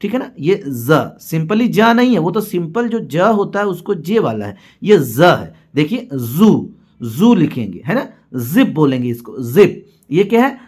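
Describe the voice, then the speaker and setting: A male teacher gives a patient spoken lesson on the sounds of English letters. His voice sits a bit high for a man, and he repeats every example word slowly while checking that his listeners follow. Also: darkish tone. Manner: often asks the viewer to notice and checks agreement.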